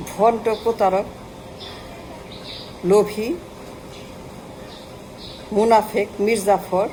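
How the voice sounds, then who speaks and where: A woman's voice: a little high, a little mellow, a little hiss or hum, poor audio. A woman giving an impassioned political rant, firing off long lists of insults and mixing in English words. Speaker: political commentator.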